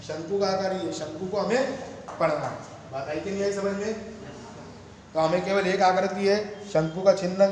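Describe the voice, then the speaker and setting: A man's voice: sits high, slight background noise. Man teaching in a very echoey room. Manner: asks students rhetorical questions and answers them. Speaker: math teacher. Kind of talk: classroom lecture. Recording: very echoey room with long reverb.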